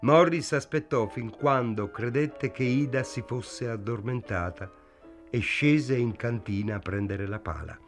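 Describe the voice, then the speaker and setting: Measured male audiobook narrator. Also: fairly low pitch.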